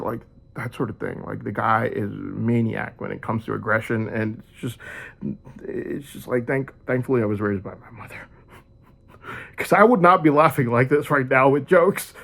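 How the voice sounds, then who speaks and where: Gravelly man on a rambling rant. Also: medium pitch. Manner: rambling, aggrieved, joking. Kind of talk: rambling personal monologue.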